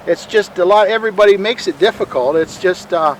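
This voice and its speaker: Male tour guide, calm museum manner, high-pitched, plain-spoken and halting, faint outdoor noise. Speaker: bird sanctuary museum guide and bird bander. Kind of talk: informal guided tour, explaining.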